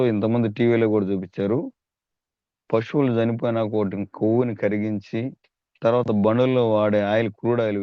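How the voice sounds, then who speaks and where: A man's voice: mid-range voice, no room sound, dull audio. A man giving a persuasive sales training talk, calling on his listeners and asking rhetorical questions. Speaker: network marketing trainer.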